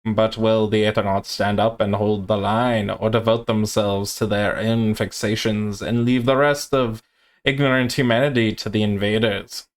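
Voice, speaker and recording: Guy doing an old newsreel announcer voice, slow and dramatic, kinda declaiming. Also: on the low side, level tone. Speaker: reader of a tabletop game sourcebook.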